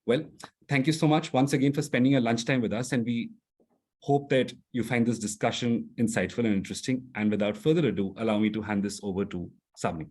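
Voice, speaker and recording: A man's voice: medium pitch, fairly quick, darkish tone. A man making courteous, formal announcements before handing over to a panel moderator. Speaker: event organizer. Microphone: video call.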